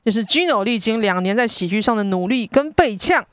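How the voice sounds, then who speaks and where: A woman's voice: a little high, animated, brisk, fairly bright tone, no echo, studio quality. A woman with a Taiwanese Mandarin accent hosting an interview as casual chat, informal and often repeating short words of agreement. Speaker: podcast host and stand-up comedian.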